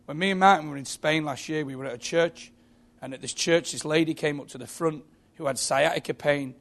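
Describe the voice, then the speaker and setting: Gravelly man preaching with stories. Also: on the high side, a little fast, fairly bright tone. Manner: storytelling with frequent restarts and repeated words. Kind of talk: sermon. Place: church.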